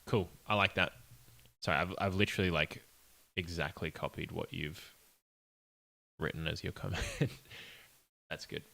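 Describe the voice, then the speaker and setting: A man's voice: sits low, fairly even intonation, a little slow, gravelly, long pauses, pushed and bright. A young man streaming as an indie game developer, muttering and thinking aloud in a casual, apologetic way. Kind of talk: casual live-stream chat while coding.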